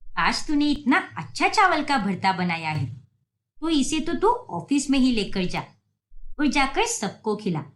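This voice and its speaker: A woman voicing a strict, sarcastic middle-aged mother in an animated story. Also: sits high, measured pace. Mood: scolding. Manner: nagging, sarcastic.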